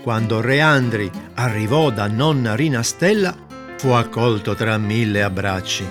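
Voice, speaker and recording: A man narrates a fairy tale with lively, rising and falling storytelling. His mid-pitched voice carries over clearly audible guitar music. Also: measured pace. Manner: expressive, lilting storytelling.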